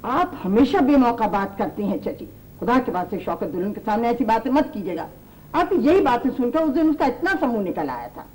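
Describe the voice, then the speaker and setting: An actress playing an anxious, genteel household matriarch who frets and bickers, in an old TV drama. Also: female voice, fairly high pitch, sing-song, a little fast, darkish tone, low-quality recording. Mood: fretful. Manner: fretful and bickering. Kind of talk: 1980s TV drama acting. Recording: old TV drama audio, light noise.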